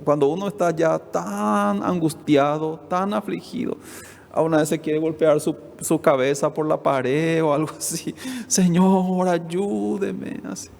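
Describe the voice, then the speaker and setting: A man's voice: fairly high pitch, fairly even intonation, moderate pace, gravelly. A man, preaching a sermon as pastor, often asking the congregation questions and acting out what the people in the story say. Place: church hall. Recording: long reverb of a church hall.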